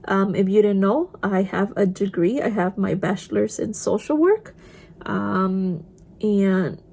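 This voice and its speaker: A young woman vlogger, a native Spanish speaker with a Spanish accent, chats casually in a get-ready-with-me video while doing her makeup, dropping in Spanish words. Her voice is mid-range with a darkish tone.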